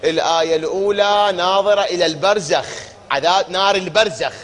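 A man with an Iraqi accent giving a religious lecture to an audience, firing rhetorical questions, chanting verses slowly and breaking into shouts. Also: high voice. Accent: Iraqi Arabic. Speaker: preacher. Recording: long reverb of a hall.

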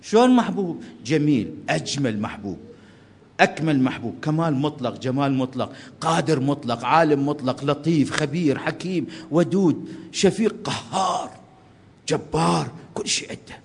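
A man with an Iraqi Arabic accent preaching a sermon from the pulpit of a mosque hall, swinging between fervent calls and hushed pleading. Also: fairly high pitch, animated, normal speed, breathy edge. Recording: long reverb of a large hall.

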